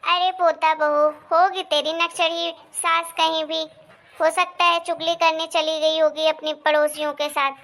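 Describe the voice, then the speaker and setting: A woman's voice: extremely high pitch, little pitch movement, measured pace, fairly bright tone, full character voice. A woman voicing a kind, protective old grandmother in a cartoon story, speaking in a reassuring, affectionate way.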